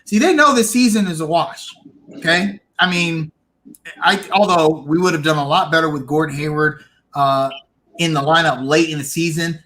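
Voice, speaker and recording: A man co-hosting a casual sports podcast, opinionated and animated, restarting his sentences as he argues. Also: fairly high pitch, moderate pace, a little hiss or hum. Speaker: podcast co-host.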